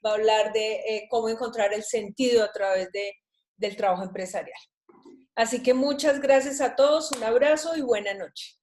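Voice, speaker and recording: A woman's voice: fairly high pitch, normal speed. Chatty woman hosting an online talk. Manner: warm, thankful, restarts often. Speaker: host of an online talk series. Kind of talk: casual live closing remarks.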